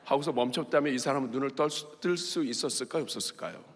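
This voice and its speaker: A male pastor preaching a sermon with passion, acting out a beggar's cries in loud shouts. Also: medium pitch, quick pace. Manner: impassioned, acts out the blind man's cries with shouts. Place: large church sanctuary. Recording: long reverb of a large sanctuary.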